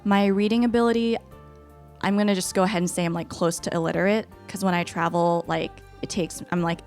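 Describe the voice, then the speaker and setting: A young woman from the United States hosting a casual chat, telling stories in a playful, animated way. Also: lowish voice, a little fast, soft background music. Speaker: host.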